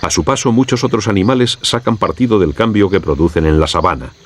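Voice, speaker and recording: A man with a Castilian Spanish accent reads scripted nature documentary narration in a measured, formal storytelling way. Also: low-pitched. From Spain. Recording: clear background noise with insect ambience.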